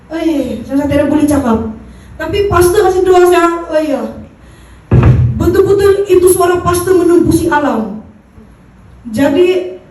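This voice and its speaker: A woman giving an earnest, halting personal testimony at a church service. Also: very high-pitched, warm tone. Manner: earnest, halting, with restarts and repeats. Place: church hall. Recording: very echoey hall, far from the mic.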